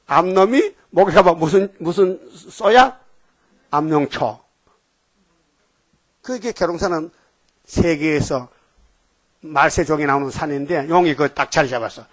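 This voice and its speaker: A man's voice: a little high, dry recording. A man preaching a sermon, emphatically prompting the congregation. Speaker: pastor.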